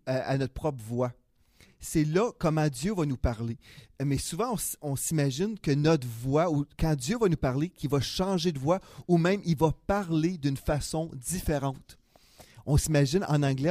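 A man's voice: fairly high pitch, warm tone, no echo, clean studio sound. A man preaching a chatty, conversational sermon, often correcting himself and chuckling.

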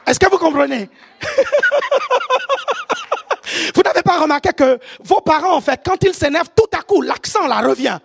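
A preacher with an African French accent gives a sermon, often shouting and checking whether the audience is following. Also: high voice, fairly quick, vocal fry, hardly any pauses. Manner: animated, often shouting, keeps asking the audience if they follow.

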